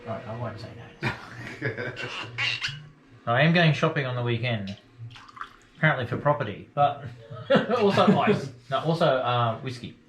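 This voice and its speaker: A man runs a tabletop session in a loose, chatty way, laughing now and then. His voice sits at an ordinary pitch. The room is echoey, with a faint hiss behind him. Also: normal speed, long pauses. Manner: relaxed, chatty, laughs often. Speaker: game master. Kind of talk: running a tabletop game.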